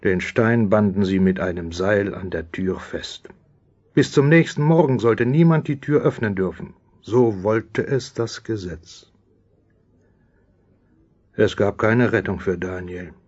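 Low-voiced, solemn storytelling courtier. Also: male voice, unhurried, darkish tone, husky, highs cut off. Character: loyal royal courtier recounting events as storyteller. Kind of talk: dramatised scripted narration.

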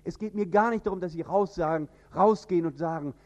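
A man from northern Germany with a standard High German accent, preaching an emphatic sermon. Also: a little fast. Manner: emphatic, with sudden rises in pitch and loudness.

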